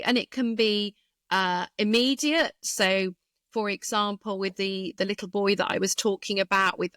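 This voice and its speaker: A woman speech therapist, a guest in an interview, explaining carefully and thoughtfully with frequent pauses and fillers. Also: medium pitch, fairly bright tone, no echo. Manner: thoughtful, hesitant with many fillers.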